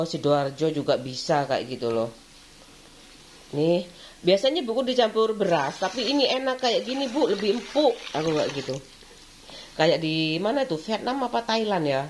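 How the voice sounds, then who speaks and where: A woman's voice: fairly low pitch, slight background noise. Woman rambling in vlog. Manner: rambling, frequent laughter, repeats "kayak gitu". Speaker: vlogger. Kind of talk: casual chatty vlog.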